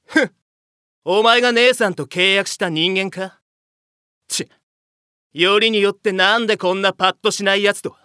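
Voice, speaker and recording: A man's voice: high voice, steady tone, moderate pace, pauses often, sharp tone, clean tone, no room sound, studio quality. A man voicing a haughty, hot-tempered young male rival with a scornful, challenging manner. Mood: scornful, hostile.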